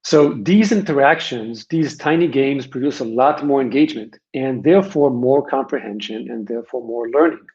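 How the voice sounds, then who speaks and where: In a mid-range, darkish voice, an Israeli-accented presenter from a software vendor runs a conversational webinar at a moderate pace with hardly any pauses. He explains emphatically and keeps repeating phrases for emphasis, while the webinar audio sounds dull and band-limited.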